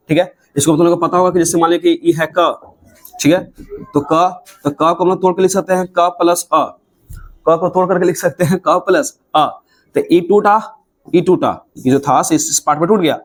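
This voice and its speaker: A man teaching a grammar lesson, repeating points and drilling students with questions. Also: a little high. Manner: repetitive, drilling questions and answers.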